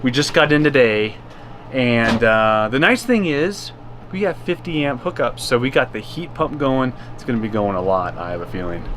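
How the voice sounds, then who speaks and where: A man's voice: medium pitch, very animated, normal speed. Casual male vlogger, some background noise. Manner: informal, unscripted, rambling. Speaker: RV travel vlogger. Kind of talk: casual, chatty vlog talk.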